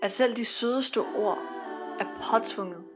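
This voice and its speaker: A woman reciting a poem in an intimate, brooding voice that rises to anguished shouts. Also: a little high. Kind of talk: spoken word poetry over music. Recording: spoken over a music track.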